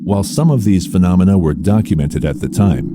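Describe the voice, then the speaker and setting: A man with a deep voice delivers scripted dramatic narration. He is solemn and deliberate, like a narrator on a spoken-word album. Clear background noise sits behind him. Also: animated. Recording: noisy background ambience.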